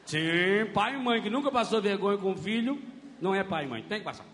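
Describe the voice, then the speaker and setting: Brazilian priest giving a sermon, high sharp voice, acts stuff out loud, echoey hall. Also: male voice, fairly quick, a little hiss or hum. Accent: Brazilian Portuguese. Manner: animated, acts out scenes with shouts.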